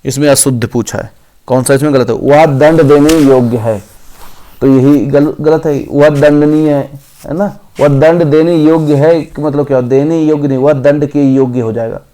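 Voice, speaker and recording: A man teaching an exam-prep grammar lesson. He reads each option aloud slowly, then corrects it. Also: mid-range voice, steady tone, mellow.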